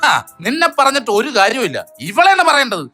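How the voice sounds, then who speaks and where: A man's voice: extremely high pitch, sing-song, a little fast, music in the background. A man playing a hot-tempered jealous husband. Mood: angry. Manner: scolding, sarcastic rants.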